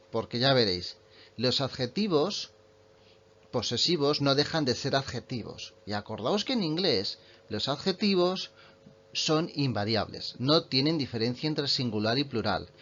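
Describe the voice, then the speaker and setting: A man, a native Spanish speaker, explaining English grammar in an online lesson and slowing right down to read example sentences. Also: on the high side, bright, forceful tone, lo-fi sound. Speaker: English teacher.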